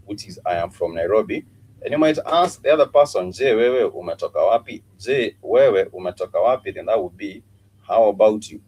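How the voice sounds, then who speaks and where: A man's voice: on the low side, a little mellow, husky, rough recording. A man teaching a live online language lesson, patiently repeating phrases and spelling words out letter by letter. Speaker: Swahili teacher.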